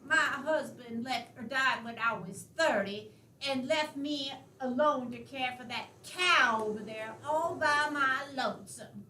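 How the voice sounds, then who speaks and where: A woman playing a feeble, indignant grandmother of eighty-six in a stage play, with a folksy, complaining, drawn-out delivery. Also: high voice, pushed and bright, slight background noise. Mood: chatty, wry. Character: feeble, indignant 86-year-old farm widow grandmother, folksy and chatty. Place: theater stage, distant mic. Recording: echoey stage from far off, background music.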